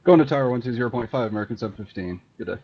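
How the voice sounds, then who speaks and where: A man talking as a pilot over the radio, giving rapid, clipped readbacks, his voice heard as a muffled, distant transmission. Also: mid-range voice, animated. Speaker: airline pilot on a flight simulation network.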